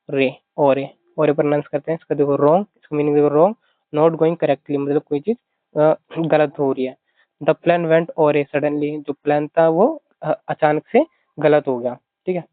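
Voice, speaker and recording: A man's voice: on the high side, no room sound. A man teaching an exam-prep vocabulary lesson, repeating himself often and explaining words with mnemonics. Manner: repetitive, keeps saying "theek hai", explains with mnemonics. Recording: thin phone-like dry audio.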